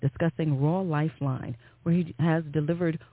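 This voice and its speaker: A woman's voice: sits low, steady tone, normal speed, no echo. A woman hosting a radio program, reading scripted announcements and news over a phone-like connection. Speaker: radio host. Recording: dry, tinny phone-line sound.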